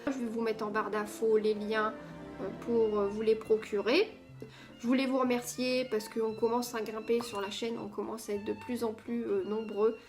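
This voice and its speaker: A woman's voice: on the high side, flat delivery, moderate pace, a little mellow, faint music behind. A woman presenting her coloring books in a casual haul video, chatty, with many hesitant fillers. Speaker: coloring book vlogger.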